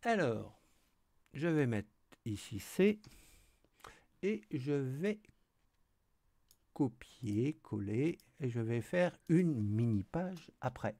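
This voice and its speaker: Relaxed tutor thinking aloud; slow pace, low dark voice. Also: male voice, dry recording. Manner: relaxed, hesitant, thinking aloud with many fillers. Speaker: tutorial host. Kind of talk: screen-recorded coding tutorial.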